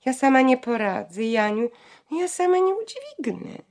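A woman's voice: high voice, sing-song, unhurried, a little mellow, pitched above the performer's own voice. A woman reading an audiobook, voicing a timid, obedient younger schoolgirl near tears, pleading plaintively.

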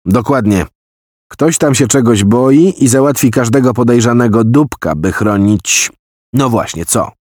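A man's voice: medium pitch, animated, a little slow, darkish tone, no echo, studio quality, voice pushed up. A man voicing an agitated American general who heads an intelligence office, given to long declamatory tirades. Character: blustering American general, spy chief.

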